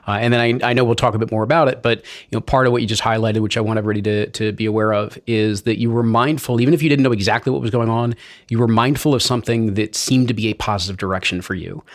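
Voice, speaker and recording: A man's voice: lowish voice, steady tone, very fast, dry recording, clean studio sound. A man hosting an interview, asking long, winding, thoughtful questions and encouraging his listeners. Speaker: podcast host. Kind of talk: interview conversation.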